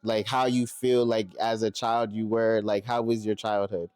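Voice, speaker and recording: Mellow-voiced casual male interviewer. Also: on the low side, level tone, normal speed, dry recording. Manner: casual, loose phrasing with fillers. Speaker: interviewer and channel host.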